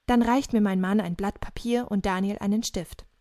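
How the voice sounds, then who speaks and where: Calm woman reading an audiobook. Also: medium pitch, moderate pace, no echo, studio quality. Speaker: audiobook narrator. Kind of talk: scripted narration.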